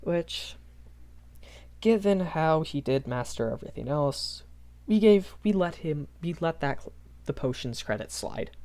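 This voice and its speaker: In a rambling, improvised audio roleplay lecture, a performer plays a timid, sincere young magic academy professor who hesitates, corrects himself often, apologizes and laughs nervously. The mid-range voice is expressive and darkish, at a measured pace.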